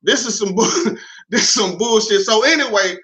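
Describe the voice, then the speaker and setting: Bright high-voiced man telling a story. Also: normal speed, poor audio. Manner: animated, profane, laughing. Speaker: podcast host. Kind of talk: casual storytelling.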